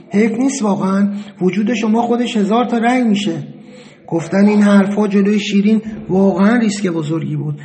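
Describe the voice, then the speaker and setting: A man narrates a first-person audiobook story, his voice sitting fairly high. He tells it steadily and reflectively, in an even storyteller's way.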